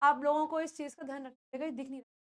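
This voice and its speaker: Woman, pronunciation teacher, high voice, repeats words, asks checking questions. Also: flat delivery, fast, a bit bright. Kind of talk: classroom lesson.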